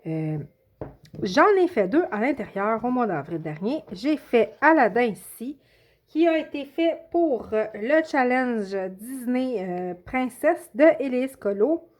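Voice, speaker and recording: Québécoise woman host, casual show-and-tell, slightly high voice, halting with frequent fillers. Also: animated, darkish tone. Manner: hesitant, many filler sounds and self-corrections. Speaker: coloring channel host. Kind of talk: casual show-and-tell of finished coloring pages.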